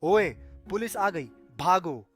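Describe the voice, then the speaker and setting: A man voicing a foolish, overconfident young brother in a cartoon story, boastful and quick to panic. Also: fairly high pitch, very animated, fairly bright tone, soft background music. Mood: urgent.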